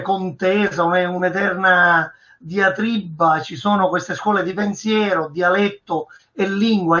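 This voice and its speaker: A man's voice: high voice, bright, forceful tone. A man with a Sicilian accent discussing as a talk show guest, repeating himself for emphasis as he searches for words. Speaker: guest speaker. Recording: dull, lo-fi sound.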